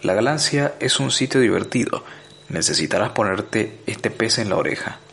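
A man's voice: fairly low pitch, animated, normal speed, creaky, fairly bright tone, slight background noise. A man voicing a smug, breezy alien traveler. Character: breezy alien hitchhiker man, smugly cheerful.

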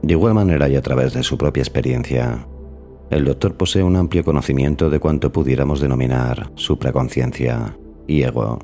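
Deep mellow guy narrating his show, formal, measured. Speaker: podcast host. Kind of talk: scripted narration.

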